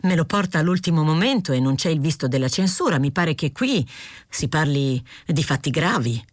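A woman's voice: low voice, animated, normal speed, dry recording, clean studio sound. A woman reading aloud, voicing an anxious, rule-bound male print-shop foreman in an audiobook. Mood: fretful. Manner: fretful, cautious, rule-bound.

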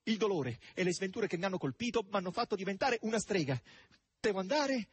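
A man voicing a reckless, elated young woman who has just become a witch, speaking in shrill exclamations. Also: expressive, a little fast, breathy edge, dry recording. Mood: resolute. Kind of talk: audiobook reading.

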